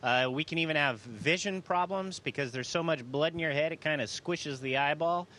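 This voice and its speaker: Enthusiastic man with a bright, higher voice. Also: normal speed. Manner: enthusiastic, folksy. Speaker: astronaut. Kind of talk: casual question-and-answer with students.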